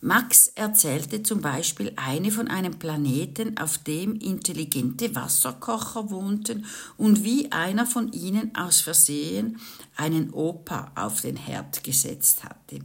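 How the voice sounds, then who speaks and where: Woman storyteller, low, creaky voice, slow and animated read-aloud for kids. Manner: lively, with chatty asides to young listeners. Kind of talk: reading a children's book aloud.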